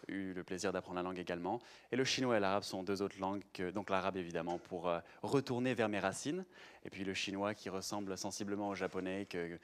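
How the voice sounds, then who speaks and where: Young man, low voice, live talk, chatty, lots of hesitations. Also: smooth. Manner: chatty, many hesitations and restarts. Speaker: conference speaker. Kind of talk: live presentation to an audience. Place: lecture room with audience.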